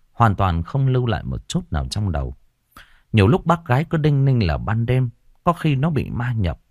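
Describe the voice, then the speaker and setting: A man's voice: fairly low pitch, a little mellow, no echo, clean studio sound. Dramatic man. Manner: dramatic, swinging intonation. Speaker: narrator. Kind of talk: audiobook horror story narration.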